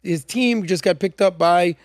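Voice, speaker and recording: A man in his forties hosting a podcast in a studio, chatting casually and acting out quoted voices with lively gestures. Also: high voice, measured pace, no room sound. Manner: animated storytelling, acts out quoted voices. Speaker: podcast host. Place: studio set. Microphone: studio mic on boom arm.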